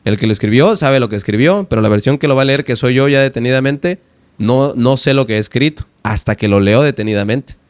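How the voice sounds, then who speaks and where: A man's voice: medium pitch, brisk, clear, resonant tone, no echo. A man in his twenties with a Mexican accent, a poet and teacher, talking in a casual podcast interview, acting out his own quoted lines as he tells stories. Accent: Mexican Spanish. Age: 20s. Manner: animated storyteller who acts out his own quoted lines. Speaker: guest poet and language teacher.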